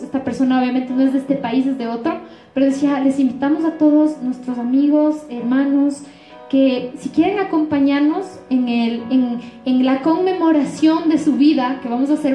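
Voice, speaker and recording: High-voiced woman pastor preaching, Ecuadorian accent. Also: warm tone, reverberant. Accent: Ecuadorian Spanish. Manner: frequent rhetorical questions to the congregation. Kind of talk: sermon.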